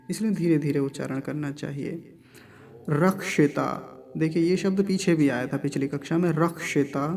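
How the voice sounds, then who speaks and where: A man teaching Vedic mantra pronunciation, patiently repeating each word slowly, syllable by syllable. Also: a little high, mellow. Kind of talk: online recitation lesson.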